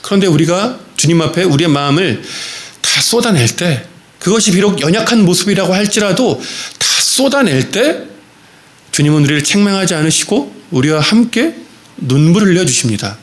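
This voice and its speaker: A man's voice: high voice, lively intonation, moderate pace. A male pastor preaching a sermon in a church, telling a story with repeated phrases and a few fillers.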